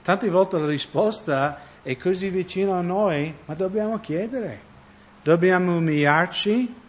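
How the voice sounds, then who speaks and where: Male preacher, conversational sermon, slightly high voice, dull lo-fi sound. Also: unhurried, slight background noise. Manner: conversational, asks the audience questions. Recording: dull lo-fi recording.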